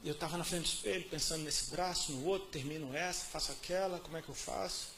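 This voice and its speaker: A male preacher with a Brazilian Portuguese accent tells his testimony in a relaxed, slangy way and repeats phrases a lot. His voice sits high and sounds sharp and bright. He drops to near-murmurs and then bursts out loudly, with a faint hum of noise behind him. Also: quick pace, creaky. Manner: casual slang-filled testimony with many repetitions; swings between soft murmurs and loud outbursts. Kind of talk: sermon.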